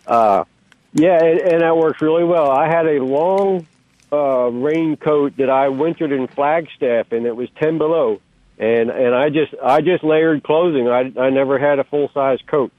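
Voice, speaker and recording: A man's voice: fairly high pitch, measured pace, dry recording. A man calling a radio show over the phone, casually chatting and often repeating his first words. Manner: repeats words, stumbling starts. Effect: phone line call-in. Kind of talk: casual call-in chat. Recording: tinny phone line.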